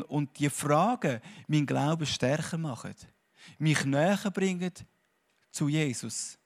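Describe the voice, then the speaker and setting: A man preaches in a fairly high voice. He swings from hushed, thoughtful stretches to loud, emphatic bursts. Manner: animated, swinging between quiet musing and loud emphasis. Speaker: conference speaker. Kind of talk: sermon-like talk.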